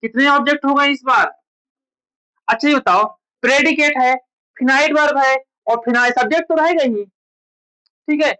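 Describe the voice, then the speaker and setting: A woman's voice: high voice, moderate pace, pauses often, a bit bright, poor audio. A woman teaching a grammar lesson, who keeps asking her students questions and answers them herself. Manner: quizzes students with repeated questions. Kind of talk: classroom lecture.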